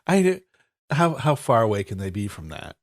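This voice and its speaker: In casual podcast banter, a congested male co-host speaks in a medium-pitched, sing-song voice at a moderate pace. He rambles profanely, restarts with stammers, and laughs often.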